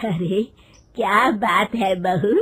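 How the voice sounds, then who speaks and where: A woman's voice: medium pitch, breathy edge. A woman voicing a stern, bossy old mother-in-law in a storybook tale, scolding and drawing out her words. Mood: coaxing. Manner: scolding, loud and drawn-out.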